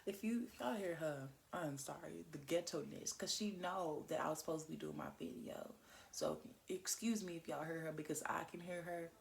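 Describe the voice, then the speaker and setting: A young woman talks straight to her viewers in a casual vlog, candid and chatty, swearing freely as she goes. Her voice sits a little low. A faint hum of room noise runs behind her. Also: normal speed, creaky. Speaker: vlogger. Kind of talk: casual chat to camera.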